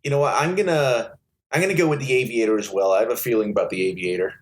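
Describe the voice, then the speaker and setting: A man in his thirties, originally from England, chats as a podcast guest. He is casual and hesitant, often restarting as he works out his trivia guesses, at an ordinary middle pitch. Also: fast. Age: 30s. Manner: chatty, hesitant. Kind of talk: casual chat.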